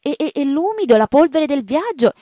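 A woman voicing a naive, refined elderly marchioness who frets in a high voice. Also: sing-song, moderate pace, warm tone, no echo, clean studio sound. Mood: fretful.

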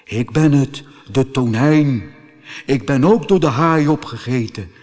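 A man voicing a calm talking tuna fish in a storybook reading, unhurried. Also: medium pitch, long reverb tail, close to an everyday voice.

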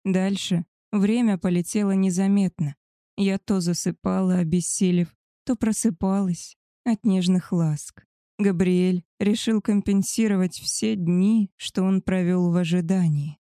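A woman's voice: medium pitch, fairly even intonation, a little slow, mellow, no echo. A woman reading a novel aloud as first-person narration, close to the microphone. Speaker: audiobook narrator.

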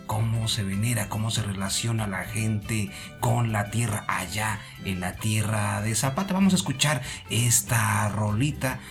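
A man hosting a radio show, addressing the listeners in a relaxed, friendly way as he introduces the next song. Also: lowish voice. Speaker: radio host. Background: music bed.

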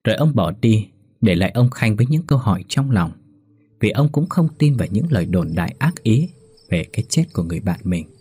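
A man narrating a horror story in a slow, grave storytelling manner. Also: on the low side, very animated, mellow, husky.

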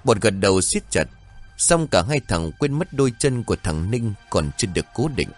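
A man narrating a story in an expressive, dramatic way, with faint music behind. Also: lowish voice, normal speed.

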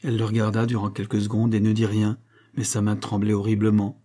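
A male audiobook reader narrating a classic novel at a measured pace. His voice is low and dark, with a husky, slightly breathy texture. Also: completely flat delivery.

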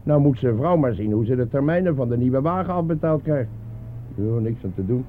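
This man's mid-range, natural voice moves fairly quickly and expressively as he voices a garrulous, resigned working-class cabbie who grumbles and shrugs in colloquial chatter. It's a narrow-band old radio play with faint noise.

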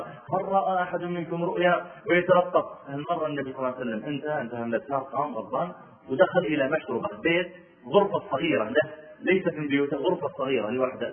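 Man, preacher, rapid storytelling, animated, tinny phone-like audio. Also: medium pitch, reverberant, recorded from a distance. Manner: animated, acts out the quoted voices, breaks into explanation. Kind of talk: sermon storytelling.

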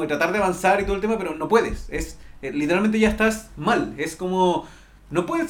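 A young man with a Chilean accent, telling a story in a casual podcast chat, excited and laughing as he talks. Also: fairly high pitch. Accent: Chilean Spanish. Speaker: podcast co-host.

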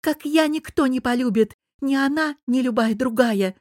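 A woman's voice: medium pitch, moderate pace, dry recording, studio quality, natural voice. A woman reading an audiobook who voices a jealous, scheming young woman with a sulky, purring, spiteful manner. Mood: pleading, provoking.

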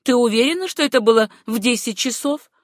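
A woman's voice: sits high, lively intonation, normal speed, no room sound, studio quality, voice pushed up. A woman reading an audiobook, voicing a curt, jealous young woman who snaps her answers. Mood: suspicious. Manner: curt, snapping.

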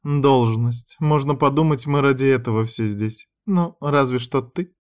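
A man's voice: mid-range voice, unhurried, voice pushed up, lightly acted. A man voicing a sly young woman in training who gossips and mocks with a sarcastic edge. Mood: teasing. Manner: teasing, sarcastic.

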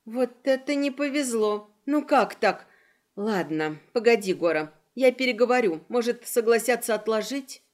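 A woman's voice: fairly high pitch, animated, normal speed. A woman voicing a brash, irritated young female dispatcher calling over a magic signal circle, bossy and snappy. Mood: bossy, annoyed. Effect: voice through a magic signal circle.

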